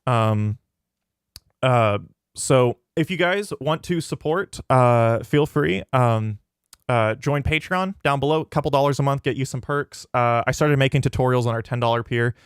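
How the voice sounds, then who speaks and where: A man hosting a casual livestream, with a smooth, clean voice at an ordinary pitch for a man. He reads viewers' questions and ponders them aloud. The recording is dry, with no room echo. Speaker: channel host reading live chat.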